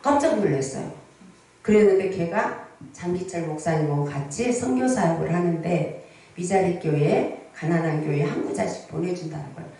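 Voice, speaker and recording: A woman's voice: on the low side, normal speed, dark tone. Woman pastor in her sixties, echoey hall. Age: 60s. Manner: storytelling sermon with frequent rhetorical questions to the congregation. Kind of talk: sermon. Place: large prayer hall. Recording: echoey hall, voice from the mic's distance.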